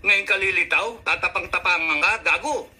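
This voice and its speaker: A man's voice: sits high, steady tone, moderate pace, sharp tone, slightly rough. A man in an angry, swearing political rant, mixing English into his talk. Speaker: political commentator.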